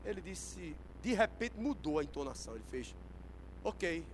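A man preaching a sermon in a high, bright voice that leaps up and down in pitch. He moves from quiet asides to full shouted exclamations. A faint hiss runs under his voice. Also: big pitch swings, fairly quick, low-quality recording. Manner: emphatic, swings from hushed to shouted exclamations. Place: church service.

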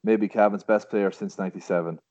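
A man's voice: on the low side, steady tone, a little fast, a little mellow. A man with an Irish accent giving casual sports analysis as a podcast pundit. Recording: dry but slightly dull podcast audio.

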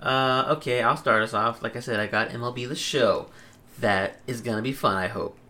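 A man's voice: mid-range voice, fairly even intonation, moderate pace, crowd noise. Brief: young male host, casual crude banter, rambling delivery. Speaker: podcast host.

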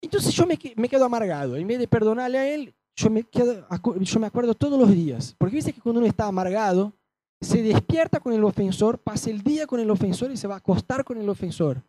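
Rioplatense preacher guy, mellow dark voice, dry close sound, acts out little stories. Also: high-pitched, fast talker, dry recording. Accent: Rioplatense Spanish. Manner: animated storytelling, acting out quoted voices. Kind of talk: sermon.

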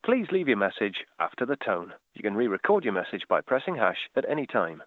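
A man's voice: on the low side, sing-song, brisk, no room sound. A man reading a recorded voicemail greeting in a formal, scripted way, heard over a phone line. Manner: formal, scripted prompt delivery. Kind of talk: recorded automated announcement. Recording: tinny, dry phone-line audio.

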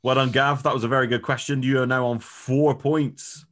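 A man hosting a casual quiz among friends, chatty and quick to laugh. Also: medium pitch, little pitch movement, a bit bright. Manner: laughs easily, loose and chatty. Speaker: quiz host. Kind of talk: casual podcast quiz chat.

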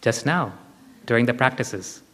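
A man's voice: medium pitch, lively intonation, a little slow, a bit bright. A man giving a spiritual discourse and guided meditation, repeating short phrases for emphasis and putting probing questions to his listeners. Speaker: spiritual teacher. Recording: long hall reverb.

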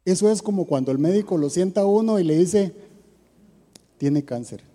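A man preaching in a relaxed, conversational way, with a somewhat raised pitch. His tone is very mellow and husky, and it rings with a long hall reverb. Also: fast talker. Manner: asks the audience rhetorical questions. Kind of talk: conversational sermon talk.

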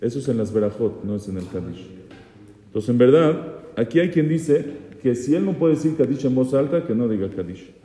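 Dark-voiced rabbi in an echoey hall. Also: male voice, medium pitch, animated, normal speed. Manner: poses rhetorical questions, teasing asides. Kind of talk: Torah law lesson. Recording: echoey hall with long reverb.

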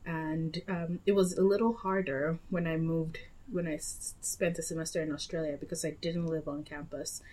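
A woman's voice: sits low, level tone, normal speed, few pauses, darkish tone. A young woman from Nigeria chatting casually about places she has lived, rambling and correcting herself as she goes. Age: young adult. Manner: chatty, meandering, with frequent self-corrections. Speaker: guest. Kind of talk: casual chat.

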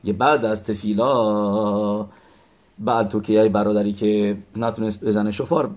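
A man, retelling religious stories in a halting way, with many fillers and restarts, and lifting his voice for the quoted lines. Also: on the low side, level tone, darkish tone. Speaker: storyteller.

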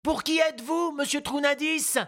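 A man voicing an earnest, indignant little boy in a storybook reading, with a high childlike voice. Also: normal speed, gravelly, bright, forceful tone, dry recording, clean studio sound, exaggerated voice. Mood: questioning. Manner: high childlike voice, outraged pleading.

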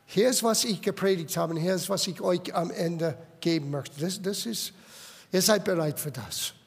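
High gravelly-voiced preacher man. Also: moderate pace, long reverb tail. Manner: emphatic, mixes English words into German. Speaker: pastor. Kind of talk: sermon. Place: church sanctuary.

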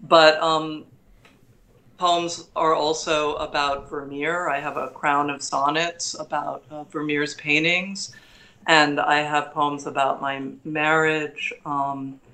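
A woman's voice: low-pitched, sharp tone, low-quality recording. A woman poet and teacher speaking as a guest, reading and talking about poetry. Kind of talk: poetry reading and interview talk.

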